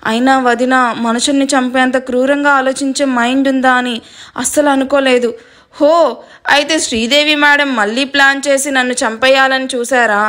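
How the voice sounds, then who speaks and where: A woman's voice: high-pitched, fairly even intonation, moderate pace, fairly bright tone. A woman voicing a brave young woman who speaks firmly and scornfully.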